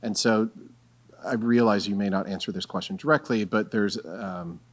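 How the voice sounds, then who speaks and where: A man's voice: on the low side, steady tone, normal speed. A man from a brand asking a careful, hesitant question in a Q&A, repeating words and hedging as he goes.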